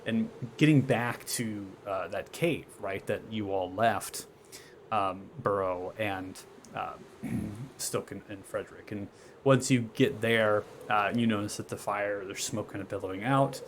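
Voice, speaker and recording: A man working as game master, narrating a tabletop game in a halting, improvised way with frequent tag questions. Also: fairly low pitch. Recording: clear background noise.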